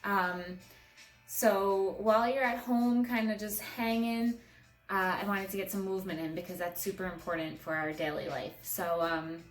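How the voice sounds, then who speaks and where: A woman's voice: medium pitch, steady tone, normal speed, soft background music. A woman teaching a guided yoga class for children at home, talking in a friendly, encouraging way. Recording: echoey room, mic at a distance.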